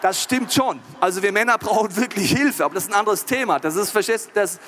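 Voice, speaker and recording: A male pastor preaching a lively, joking sermon and talking directly to the crowd. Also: sits high, fast talker, slight background noise.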